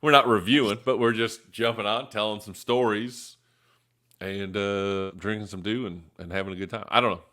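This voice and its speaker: A man co-hosting a casual live review show, rambling with lots of fillers and quick bursts of laughter. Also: lowish voice, fairly even intonation, pushed and bright. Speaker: co-host of a soda review show.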